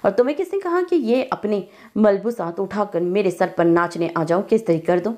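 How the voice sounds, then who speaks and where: A woman's voice: medium pitch, animated, moderate pace, lightly acted. A woman voicing a hot-tempered young woman who snaps indignantly at her sister. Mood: furious. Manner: sharp, snapping, indignant.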